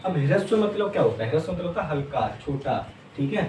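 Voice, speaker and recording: A man's voice: on the high side, animated, quick pace, a little mellow, distant mic. A man teaching a lesson, patiently asking his students questions and answering them himself, with frequent check-ins. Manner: uses "theek hai" constantly as a check-in. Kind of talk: classroom lesson on Hindi vowels. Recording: echoey room, voice from off the mic, faint hum.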